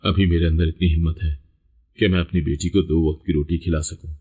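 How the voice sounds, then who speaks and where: A man's voice: very deep voice, flat delivery, a little fast, dark tone, husky, full character voice. A man voicing a patient, long-suffering widowed mother who stands her ground, read plainly in a storybook reading. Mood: defiant. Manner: plainly read, barely shifted from narration. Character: patient widowed mother, middle-aged woman, long-suffering but firm.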